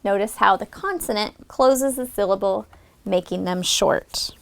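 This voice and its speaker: A woman teacher explaining a phonics lesson plan and then modeling it, drawing out the vowel sounds slowly and deliberately for students. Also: mid-range voice, vocal fry.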